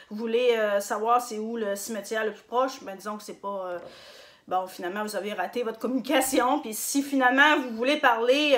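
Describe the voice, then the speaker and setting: A woman giving a casual spoken lesson, hesitant with many fillers and repeating words slowly for her viewers. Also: fairly high pitch. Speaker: language teacher on her own channel.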